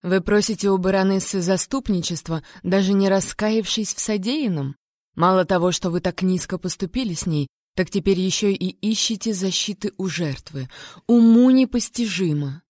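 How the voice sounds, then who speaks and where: A woman voicing an older male count, an uncle who speaks calmly and in a fatherly way. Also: fairly low pitch, normal speed, no echo, clean studio sound, natural voice. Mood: indignant.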